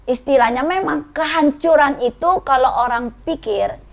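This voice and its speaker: A middle-aged woman sharing a personal testimony in casual chat, an animated storyteller who laughs often and acts out the voices of the people she quotes. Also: high-pitched, moderate pace, gravelly.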